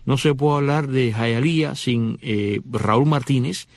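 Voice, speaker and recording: A man's voice: medium pitch, slow, no echo. A man, explaining in a casual, conversational way and speaking straight to the listener. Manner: conversational, addresses listener directly.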